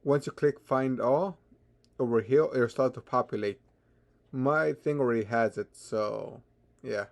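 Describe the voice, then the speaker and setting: A man walks through an unscripted, step-by-step software screen tutorial in a creaky, mid-pitched voice. He's hesitant and halting, repeating words and stammering as he starts sentences.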